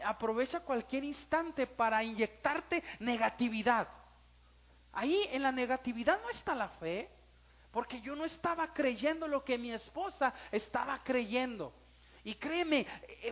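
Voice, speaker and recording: A man's voice: extremely high pitch, fairly bright tone. A man with a Mexican Spanish accent, a pastor giving a sermon and telling a personal story, emotional and speaking straight to his listeners.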